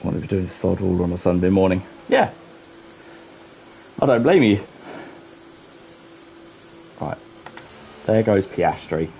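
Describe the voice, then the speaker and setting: A man's voice: low-pitched, expressive, slow pace, vocal fry, long pauses, warm tone, slight background noise, rough recording. A man giving casual, chatty commentary while streaming a racing game, with dry asides.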